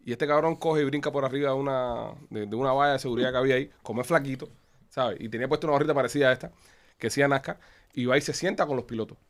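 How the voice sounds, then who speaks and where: A man co-hosting a casual sports chat, telling stories in an animated, slangy way. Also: medium pitch, racing.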